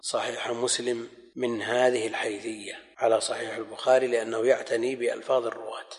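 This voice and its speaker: A man teaching a scholarly lesson in a measured, explanatory manner, often repeating key phrases. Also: medium pitch, little pitch movement. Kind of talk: recorded lecture commentary. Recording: long hall reverb.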